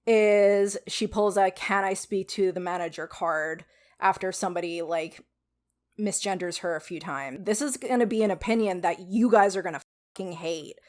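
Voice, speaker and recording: A woman's voice: mid-range voice, normal speed, a little mellow. A woman with a weak voice giving frank, casual opinion commentary to viewers, with some swearing. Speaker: video commentator.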